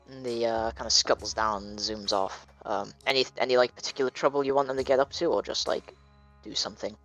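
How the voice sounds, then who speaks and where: A man's voice: medium pitch, fairly even intonation, fairly quick, a bit bright, soft background music. A man narrating a tabletop game as dungeon master, hesitant and full of fillers.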